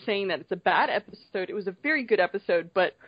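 A woman's voice: mid-range voice, lively intonation, fast, slightly rough, no echo, muffled recording. A woman co-hosting a podcast, chatting casually and emphatically, repeating phrases for stress. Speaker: podcast co-host. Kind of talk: casual opinionated chat.

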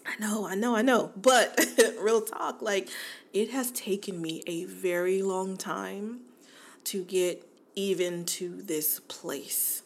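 A woman's voice: mid-range voice, steady tone, takes it slowly. A woman in her forties hosting a podcast in a casual, chatty monologue, laughing often and talking straight to her listeners. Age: 40s. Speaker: podcast host.

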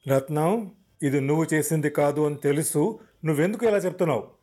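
A stern policewoman in a spoken story, voiced by a male narrator, her questions firm and impatient, pitched well above his usual range. she comes across as a sharp investigator. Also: a little fast, lightly acted.

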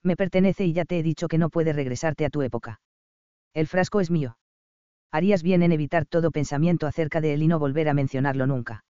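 A man voicing a fierce medieval highland warrior in an audiobook, stern and commanding, speaking low and measured. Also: warm tone, smooth, no room sound, highs cut off, close to an everyday voice. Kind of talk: audiobook character reading.

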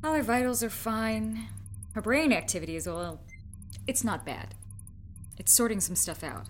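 An actress playing a wry, confident ship's medic in an audio drama, with a dry, teasing manner. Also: female voice, on the high side, normal speed, soft background music, lightly acted.

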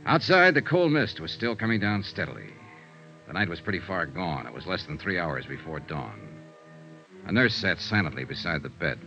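A hard-boiled detective tells his story in a terse, matter-of-fact way. His voice is low but swings widely in pitch. Music plays under the muffled sound of an old radio broadcast. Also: sing-song, moderate pace, creaky, sharp tone, heavily acted. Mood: steady. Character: hard-boiled male insurance investigator narrating. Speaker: narrator and detective. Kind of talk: 1950s radio drama acting.

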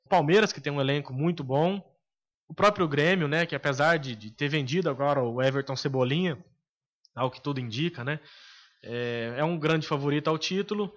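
Brazilian man, podcast co-host, casual football talk, a bit higher voice, hesitant fillers. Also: a bit bright. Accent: Brazilian Portuguese. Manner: opinionated, hesitant with frequent filler pauses. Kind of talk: casual sports chat.

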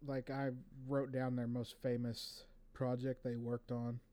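A man co-hosting a casual podcast, reading movie trivia from his notes in a relaxed way with fillers. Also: mid-range voice, a little slow. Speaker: podcast co-host.

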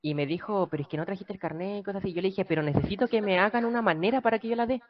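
A young man with a Chilean accent telling a story in casual chat with friends, acting out the dialogue in lively voices. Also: high voice, racing, muffled recording. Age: young adult. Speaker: podcast guest.

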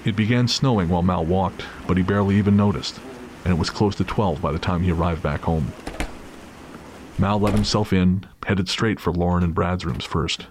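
A man with a low voice narrates a dramatic scripted story for an audio drama at a moderate pace. Background noise and ambience are clearly audible in the recording.

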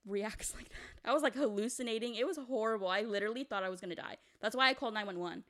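Young female podcast co-host, smooth voice, animated casual storytelling. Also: on the high side, fast talker. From California. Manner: animated, lots of "like", laughs while telling.

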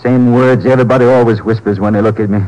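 An actor playing a bitter, jobless ex-convict husband from Texas in a 1940s radio drama, with rough rural speech. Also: male voice, mid-range voice, fairly even intonation, fast talker, dark tone, natural voice, poor audio.

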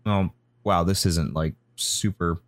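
A man's voice: deep voice, fairly even intonation, takes it slowly, dry recording. A man co-hosting a casual gaming podcast, ranting indignantly and swearing freely. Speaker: podcast co-host. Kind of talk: casual chat.

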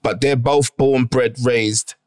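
A man's voice: medium pitch, steady tone, slow, darkish tone. A man, telling stories emphatically in a casual podcast discussion. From England. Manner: emphatic storytelling, calls people bro. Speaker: podcast guest or co-host.

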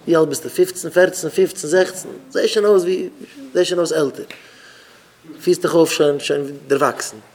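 A man's voice: fairly high pitch, steady tone, moderate pace, darkish tone. A man, a rabbi, giving an informal talk at a Shabbat gathering, repeating phrases and questioning listeners by name. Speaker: rabbi addressing students.

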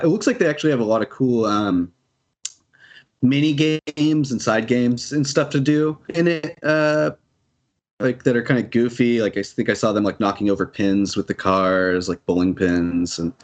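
A man casually chatting about video games on a podcast, rambling and laughing often, with casual swearing. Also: lowish voice.

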